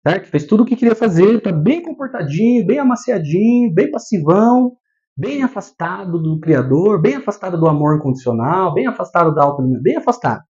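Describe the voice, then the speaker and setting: A man with a Brazilian Portuguese accent giving a spiritual lecture in an animated way, acting out scenes with sound effects. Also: high voice, brisk. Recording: dull lo-fi recording.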